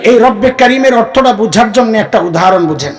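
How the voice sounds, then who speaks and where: A man with a high voice delivers a sermon in a plain, everyday way. He keeps asking the listeners to call answers back to him. Now and then he raises his voice to a shout to drive a point home. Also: animated, brisk, rough recording. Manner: call-and-response, has the crowd repeat phrases; rises to shouting for emphasis. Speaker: preacher. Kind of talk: Islamic sermon to a live audience.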